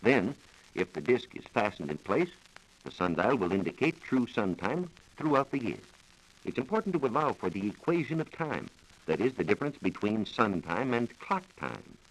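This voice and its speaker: Heard in a vintage 1940s radio broadcast with poor audio, this American man speaks at normal speed in a lowish, very animated voice. As the programme's reporter, he reads a formal, precise scripted science explanation.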